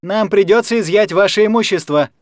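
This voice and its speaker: An officious female bailiff in an audiobook, voiced by a man. She speaks formally and loudly, pitched above the reader's normal voice. The tone stays businesslike throughout. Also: a little fast, no echo, clean studio sound, close to an everyday voice.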